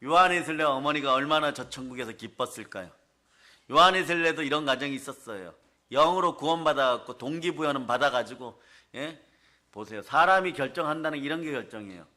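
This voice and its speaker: Animated bright-voiced preacher, man. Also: mid-range voice, a little fast. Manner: animated storytelling preaching, acting out scenes. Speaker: pastor. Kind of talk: revival sermon. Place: church sanctuary.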